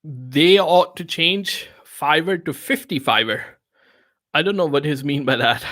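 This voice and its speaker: This man's voice sits on the high side, animated yet measured, with a slightly bright quality. A native Urdu speaker, he runs a live question-and-answer stream dispensing laid-back business tips in filler-heavy, non-natively phrased English. His talk is casual, peppered with restarts and the repeated question "you know what I mean".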